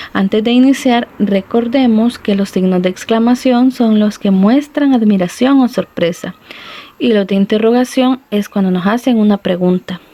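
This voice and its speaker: Woman teacher doing a recorded lesson for kids, slow and patient, calls them little friends. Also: medium pitch, a little mellow, dry recording. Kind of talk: recorded classroom lesson for children.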